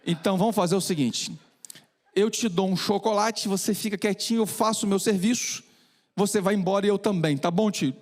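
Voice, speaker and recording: A man voicing a kind, experienced country doctor who coaxes a child gently and drawls his words, in a reverberant church hall. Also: high voice, close to an everyday voice. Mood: coaxing. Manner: gentle coaxing tone, drawn-out "uai". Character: kind experienced male doctor from Minas, folksy.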